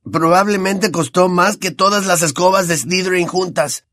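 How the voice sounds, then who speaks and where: A man voicing an excitable, impatient teenage boy in an audiobook, eager and boisterous. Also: high-pitched, moderate pace, no room sound, clean studio sound, voice pushed up.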